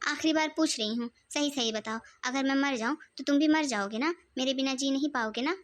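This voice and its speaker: A woman's voice: sits high, a little fast, lightly acted. A woman playing a nagging young village wife. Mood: sulky. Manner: insistent, complaining. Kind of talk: cartoon voice acting.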